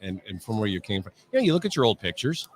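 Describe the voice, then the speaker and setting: A man's voice: on the low side, big pitch swings, fast. A middle-aged man hosting a casual video-call chat, full of teasing banter. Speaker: host.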